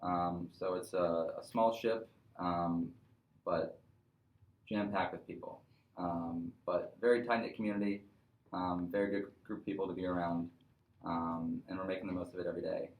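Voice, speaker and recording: A young man in his twenties hosts a casual student podcast, talking in a measured, halting way with many fillers. His voice sits low. It echoes around the room. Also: fairly even intonation. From North Carolina, USA. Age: 20s. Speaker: podcast host.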